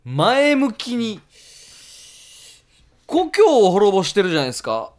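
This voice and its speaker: A woman's voice: medium pitch, wildly swooping pitch, a little slow, a little mellow. Curious woman thinking aloud on radio. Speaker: radio co-host guessing a riddle. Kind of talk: casual radio chat.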